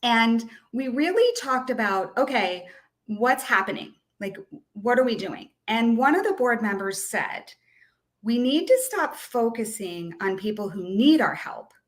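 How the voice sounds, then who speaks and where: A woman from the United States, a guest on an online show, telling a story in a lively, chatty way. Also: fairly high pitch, unhurried. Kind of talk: conversational storytelling.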